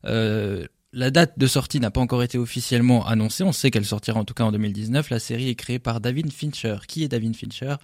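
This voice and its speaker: A man's voice: medium pitch, quick pace, few pauses, dry recording, clean studio sound. A man presenting a TV series column on a radio show, chatty and self-mocking. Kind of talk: casual radio chat.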